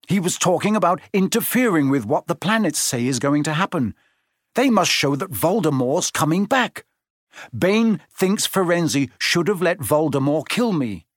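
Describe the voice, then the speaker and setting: A man's voice: mid-range voice, slightly rough, no room sound, clean studio sound. A man voicing an anxious young wizard boy who talks urgently and feverishly.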